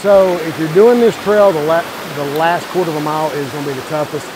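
On a wooded trail, a man with a fairly high voice and a quick pace hosts a hiking vlog, filming himself with a phone at arm's length. He's folksy and easygoing, chatting as he walks, while outdoor noise, a stream and wind are heard behind him.

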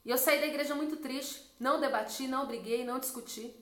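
A woman's voice: fast talker, echoey room. A woman in her twenties, a missionary, telling her personal testimony in an earnest storytelling way. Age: 20s. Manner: earnest storytelling, drops soft and low when quoting God.

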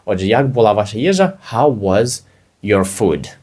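A man teaching an English lesson, explaining phrases slowly and repeating them carefully for learners. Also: lowish voice, sing-song, darkish tone, slightly rough.

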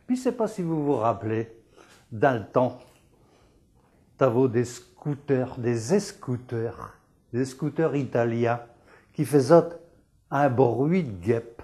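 Speaking at a slow, deliberate pace, a male dialect teacher leads a lesson on television, patiently explaining words, repeating them, and answering his own questions didactically. His medium-pitched voice sounds animated yet mellow.

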